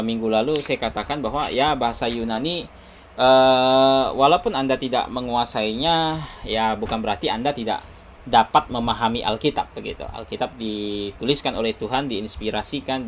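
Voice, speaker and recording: A man's voice: medium pitch, a little hiss or hum. Emphatic male preacher teaching scripture. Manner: emphatic, repeats "begitu" to close phrases. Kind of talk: Bible teaching sermon.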